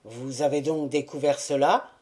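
A woman reading the part of a surly, brooding old male buccaneer gunner, voiced lower and grumbling. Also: steady tone, normal speed, darkish tone. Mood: gruff.

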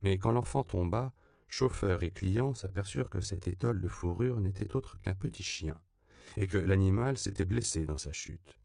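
A man reading an audiobook in even, measured scripted narration. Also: deep voice, creaky, dry recording, clean studio sound.

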